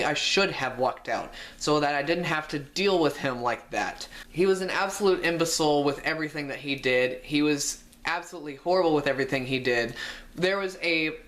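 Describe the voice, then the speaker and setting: Young man ranting, fairly high voice. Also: fairly bright tone. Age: young adult. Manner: exasperated, ranting, voice jumps up when indignant. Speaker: vlogger. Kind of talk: storytime rant.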